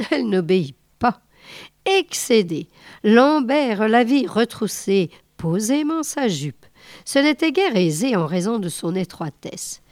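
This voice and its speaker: A woman reading a novel aloud in a measured, unhurried way. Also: medium pitch, darkish tone, no echo. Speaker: reader.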